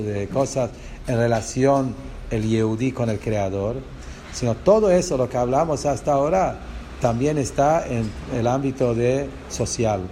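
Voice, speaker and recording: A man with a Rioplatense Spanish accent leads a lesson on a religious text, in a voice of ordinary middle pitch. He explains patiently, point by point, often turning to his listeners with rhetorical questions. A faint hiss of noise sits under the recording. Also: mellow. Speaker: religious teacher.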